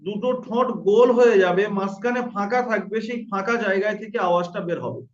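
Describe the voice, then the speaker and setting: A man teaching Quran pronunciation, patiently repeating each sound slowly to demonstrate it. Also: high voice. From India. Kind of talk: online lesson on pronunciation. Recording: roomy, distant, dull lo-fi sound.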